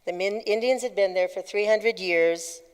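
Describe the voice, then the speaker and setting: A woman leading a group session, telling her family's history in a conversational, halting way. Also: medium pitch, clear, resonant tone. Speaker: workshop leader. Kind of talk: personal storytelling talk. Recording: long hall reverb.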